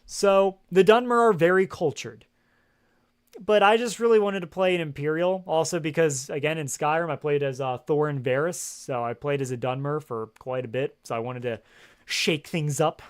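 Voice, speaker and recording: A male game streamer with a fairly high voice talks loosely into his headset mic. He wanders from point to point, packs his sentences with fillers, and swears often as he chats. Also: normal speed, clear, resonant tone. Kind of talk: casual livestream chat. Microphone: gaming headset.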